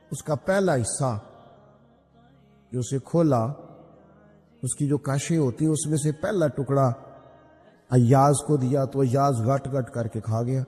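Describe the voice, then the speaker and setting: A man's voice: a little mellow, breathy edge. A male preacher telling a devotional story in an emotional sermon, his voice swelling dramatically. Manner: dramatic, building to impassioned highs. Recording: long reverb in a big hall, faint music.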